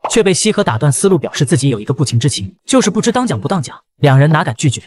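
A man recapping a fantasy comic in a brisk, lively storytelling voice. He talks very fast, with a voice a bit higher than most men's. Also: a little hiss or hum. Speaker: narrator.

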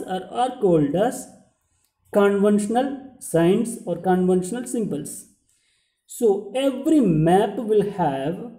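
A man's voice: high voice, mellow. A young man lecturing as a teacher, explaining and rephrasing key points step by step over slides. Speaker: geography teacher. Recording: roomy indoor echo.

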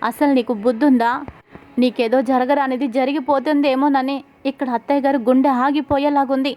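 A woman voicing a firm young sister-in-law who lectures and scolds forcefully. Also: high-pitched, fairly even intonation, moderate pace, close to an everyday voice. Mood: scolding.

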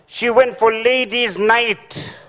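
A man's voice: very high voice, fairly even intonation, slow pace, bright, forceful tone, a little hiss or hum. A man with a Durban Indian South African accent doing live comedy dialogue on a theatre stage, questioning in an exasperated way. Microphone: handheld microphone.

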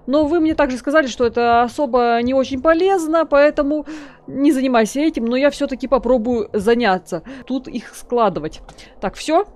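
High-voiced chatty woman playing games. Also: moderate pace, a little mellow. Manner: chatty, joking, talks to viewers and game characters. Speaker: let's play host. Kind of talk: casual gameplay commentary.

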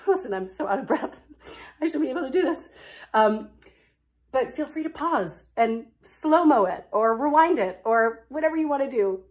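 A woman's voice: sits high, expressive, normal speed. Woman dance instructor, counts steps in rhythm between chatty asides; roomy echo. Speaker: dance teacher. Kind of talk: counting through a dance combination. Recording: echoey room.

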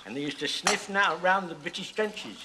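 Chatty old grandad telling war yarns, high lively voice, hissy old tv sound. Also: male voice, normal speed. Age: older. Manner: rambling, joking anecdotes. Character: chatty old male war veteran grandad, cheeky storyteller. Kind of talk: 1970s TV sitcom acting. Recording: hissy 1970s TV sitcom recording.

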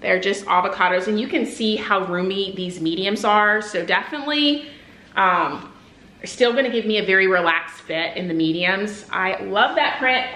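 A woman's voice: medium pitch, normal speed, bright, forceful tone. Chatty young woman in an echoey kitchen. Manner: upbeat, chatty, addresses viewers as "you guys". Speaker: vlogger. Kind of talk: casual haul video chat. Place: home kitchen, indoors. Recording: echoey room.

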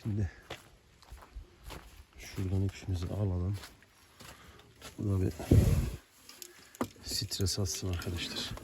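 A farm vlogger with a fairly low voice speaks outside on his rural property, where the background is noisy. Talking easily to both his viewers and his horses and dogs, he shifts between gentle coaxing and firm commands.

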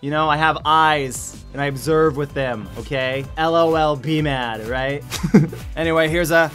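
A young man talks straight to the camera in a casual, sarcastic vlog, mocking as he goes. His voice sits fairly high for a man. Faint music hums under him. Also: unhurried, fairly bright tone. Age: young adult. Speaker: YouTuber.

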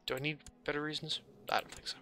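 Fast and flat, this man's slightly scratchy voice sits on the high side as he muses aloud through dry, offhand gameplay commentary for a gaming video. Music runs beneath his voice.

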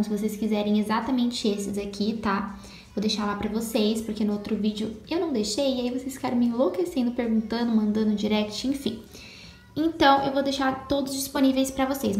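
A woman's voice: a little high, a little mellow. A young Brazilian woman chatting to viewers while showing a phone tutorial, checking in with them often. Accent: Brazilian Portuguese. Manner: chatty, talks straight to viewers with lots of "tá?" and "né?". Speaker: lifestyle vlogger. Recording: echoey room with background music.

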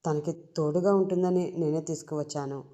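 Guilt-ridden young husband, soft and apologetic, voiced by a female narrator. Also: low voice, steady tone, fairly quick, highs cut off, close to an everyday voice. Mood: subdued.

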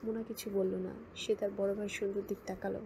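Woman narrator with gravelly voice. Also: mid-range voice, little pitch movement, brisk, noisy background. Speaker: audiobook narrator. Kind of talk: reading a novel aloud.

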